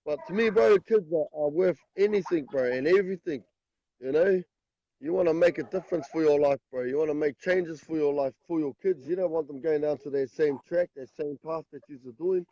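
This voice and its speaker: A man with a broad New Zealand accent speaks in a fairly high, soft-toned voice. He is casual and earnest, like a guest caller giving encouragement. The audio is dry and somewhat dull. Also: a little fast, no echo. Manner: repeatedly punctuates phrases with "bro". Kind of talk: casual, earnest motivational talk.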